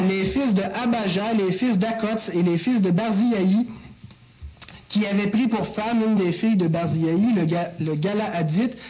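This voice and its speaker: High-voiced man preaching a sermon. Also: measured pace, a little mellow, slight background noise, rough recording. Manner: teacherly, joking asides to the congregation. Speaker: pastor. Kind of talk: expository sermon.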